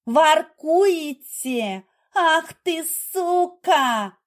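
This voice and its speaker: A woman's voice: high-pitched, fairly even intonation, slow pace, pitched above the performer's own voice. A woman reading aloud voices a hysterical, jealous pregnant young wife who screams and sobs. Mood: furious. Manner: shrieking, sobbing, furious.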